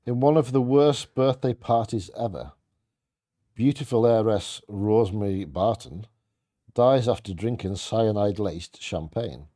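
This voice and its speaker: A man's voice: on the low side, measured pace, dark tone. A man co-hosting a bingo game, reading scripted trivia aloud in a playfully theatrical storytelling way.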